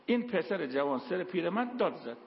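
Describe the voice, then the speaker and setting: A man delivers a sermon and weaves in stories and quoted verses. His voice sits fairly high and has a gravelly edge. It was recorded in a reverberant hall with muffled, lo-fi sound and faint background noise. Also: big pitch swings. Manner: storytelling, quotes Quranic verses. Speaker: preacher. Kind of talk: sermon with told anecdotes. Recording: echoey hall, dull lo-fi sound.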